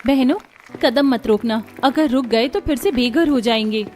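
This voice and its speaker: A woman's voice: on the high side, moderate pace, a little mellow, a little hiss or hum, natural voice. A woman voicing a determined, hopeful young daughter-in-law in a cartoon family story. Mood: urgent. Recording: music under the voice.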